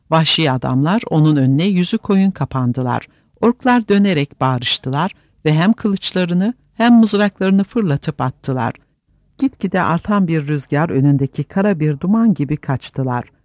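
A man's voice: a little high, lively intonation, a little slow, darkish tone, no room sound, muffled recording. A man narrating a fantasy audiobook with a dramatic storytelling delivery.

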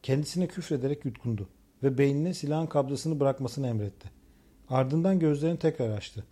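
A man reading a crime novel aloud in steady, measured scripted narration. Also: mid-range voice. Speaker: audiobook narrator.

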